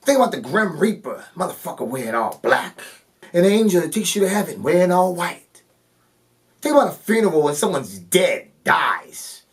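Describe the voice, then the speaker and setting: A man's voice: on the high side, very animated, normal speed. A young man delivering an impassioned, blunt monologue to camera, full of profanity and rhetorical questions. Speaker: video creator.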